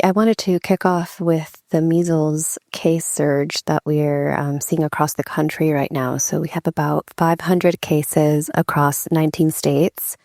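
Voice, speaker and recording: A woman's voice: sits low, mellow, dry recording, studio quality. A woman co-hosting a podcast who presents a news segment in a chatty, concerned way, with many fillers. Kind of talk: casual chat.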